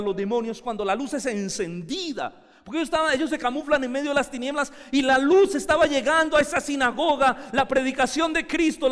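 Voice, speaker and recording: A man's voice: very high-pitched, fairly bright tone, big-room sound. A male pastor preaching a sermon in a conversational way, often asking the congregation questions.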